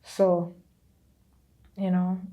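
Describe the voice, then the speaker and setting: Jamaican woman, middle-aged, warm low-brightness tone; earnest testimony with vivid patois asides. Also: extremely slow. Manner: earnest, moves into patois and lively quoted voices. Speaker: podcast creator sharing her story. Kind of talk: personal testimony in conversation.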